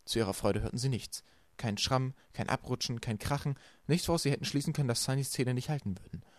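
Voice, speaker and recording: A man narrating a storybook with a quick, lively delivery. His voice sits in a middle register and the recording is close and dry, with no room sound. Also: medium pitch, dry recording. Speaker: audiobook reader.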